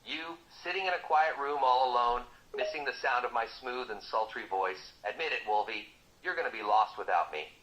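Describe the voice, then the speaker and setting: A man's voice: medium pitch, lively intonation, moderate pace, fairly bright tone, muffled recording, natural voice. A man voicing a boastful, wisecracking male mercenary who teases his partner in comic banter. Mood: mock-hurt. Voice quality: cocky, teasing, sarcastic.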